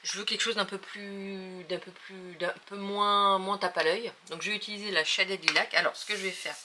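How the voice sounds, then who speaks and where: A woman's voice: mid-range voice, fairly even intonation, moderate pace, sharp tone, slight background noise. A woman hosting a casual craft tutorial, talking hesitantly with many fillers as she thinks aloud while working.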